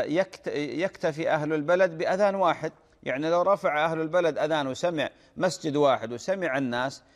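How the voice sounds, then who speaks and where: A man's voice: on the high side, long reverb tail. A man answering listeners' religious questions on a Q&A program. He explains patiently, repeats phrases and calls the questioner "my dear brother,".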